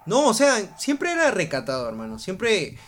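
A man's voice: high voice, wildly swooping pitch, moderate pace, a crowd in the background. A man co-hosting a podcast, chatty and self-mocking, laughing a lot. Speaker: podcast co-host. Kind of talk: casual chat.

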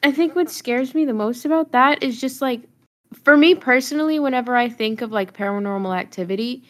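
A woman's voice: a little high, brisk. A young woman co-hosting a podcast, asking questions and reacting in casual chat. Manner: reactive, asks questions, easy laughs. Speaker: podcast co-host listening and reacting.

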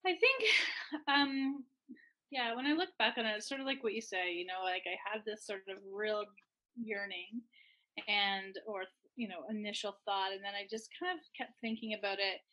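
A woman's voice: medium pitch, normal speed, bright, forceful tone, low-quality recording. Candid woman chatting as a podcast guest. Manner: candid, conversational, talks in imagined self-dialogue. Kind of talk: casual podcast conversation.

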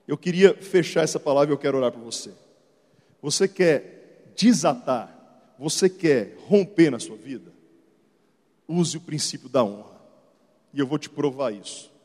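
A middle-aged male pastor preaching a sermon, telling stories and acting out other people's voices. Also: on the high side. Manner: animated storytelling, acts out voices of others. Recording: long hall reverb.

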